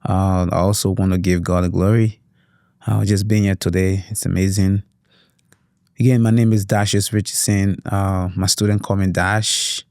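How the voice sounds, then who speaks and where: A man's voice: sits low, level tone, normal speed, darkish tone, dry recording, clean studio sound. A young man with a Liberian accent from Liberia, telling his story earnestly and reflectively as an interview guest, with frequent "you know" fillers. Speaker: youth advocate guest.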